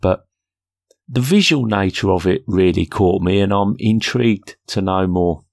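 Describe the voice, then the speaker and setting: A man hosts a solo podcast, talking casually and informally while poking fun at himself. His low voice is a little slow and creaky.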